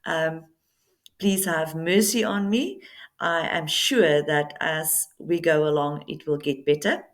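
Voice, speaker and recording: Talking casually to the camera in a Namibian coastal town, an author shows off her book. She's a native Afrikaans speaker with a fairly low voice, going slowly and haltingly with lots of ums and pauses.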